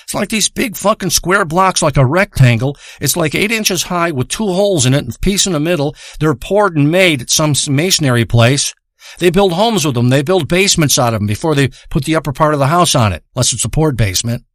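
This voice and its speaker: A man rambles through a crude comic monologue, wandering off into deadpan tangents and swearing constantly. His voice sits a bit high for a man. The sound is dry and close, with no room around it. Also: brisk, no echo. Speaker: comedic storyteller.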